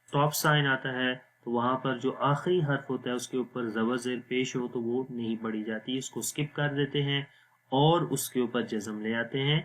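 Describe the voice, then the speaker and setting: A man teaching Quran recitation, explaining each letter and then reciting slowly and drawn out. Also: mid-range voice, steady tone, fairly bright tone, a little hiss or hum. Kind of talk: slow recitation lesson.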